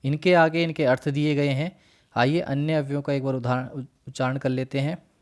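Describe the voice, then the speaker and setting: A man teaching a worksheet lesson, reciting word lists in a slow, measured way and then explaining each one. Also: mid-range voice, fairly even intonation, darkish tone.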